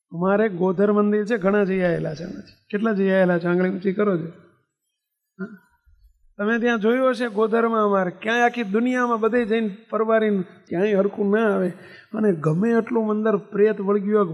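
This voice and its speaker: A male swami preaches in a notably high voice. He quizzes the congregation and leads them in chanting, and his words trail off into the long reverb of a big hall. The recording itself sounds dull and lo-fi. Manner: questions the audience and leads call-and-response chanting. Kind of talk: religious discourse to a live congregation.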